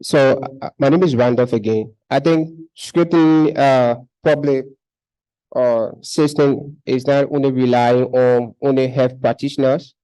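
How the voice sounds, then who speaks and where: In a conference hall, a young Liberian man speaks up earnestly during a discussion, often repeating words as he argues his case. His mid-range voice is unhurried, mellow and smooth with fairly even intonation, captured on a low-quality recording.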